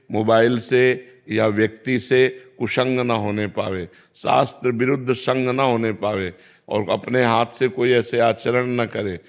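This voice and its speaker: A man delivers a devotional discourse in a calm, measured voice at an ordinary mid pitch. He speaks as a spiritual teacher, instructing firmly and quoting scripture now and then. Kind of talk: devotional discourse answering questions.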